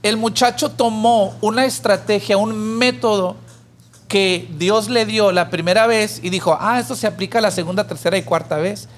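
On a church podcast, a male co-host with a high voice narrates a parable at a moderate pace in a conversational, teaching manner. His storytelling is animated, and he raises his voice for the pleading character.

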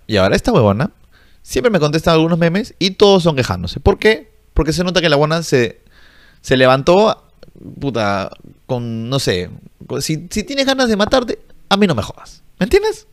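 A young man, ranting bluntly and profanely to camera in a casual vlog. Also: fairly high pitch. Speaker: vlogger.

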